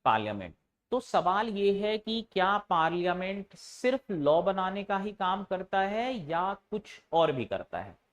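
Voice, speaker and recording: A man's voice: sits high, sing-song, unhurried. A man teaches a class, his voice rising and falling a lot as he fires questions at the students and answers them himself. He stays informal with the class and teases them at times. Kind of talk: classroom lecture.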